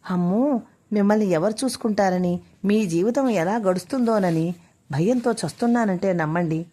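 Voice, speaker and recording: A woman voicing a distraught middle-aged mother who is fearful and quick-tempered, speaking in a tearful, pleading way. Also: medium pitch, dark tone, natural voice.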